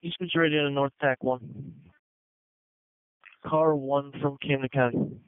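A man's voice: mid-range voice, steady tone, a little slow, clean tone, no echo. A man working as an emergency dispatcher, giving clipped procedural read-backs over a two-way radio in police radio style. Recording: tinny phone-like dispatch radio.

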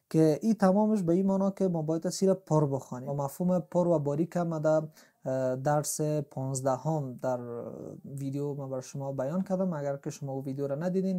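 A man's voice: fairly high pitch, warm tone. A man, explaining a tajweed lesson as a Quran recitation teacher, patient and step by step.

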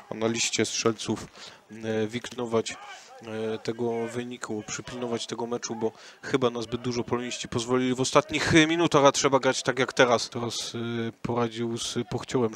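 A man commentating football highlights in a measured way, with many hesitation fillers, lifting his voice at goals and chances. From Poland.

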